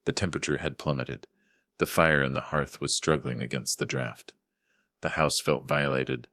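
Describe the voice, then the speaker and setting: Older man narrator, steady measured delivery, very deep voice, dry close sound. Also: no room sound. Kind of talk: first-person story narration.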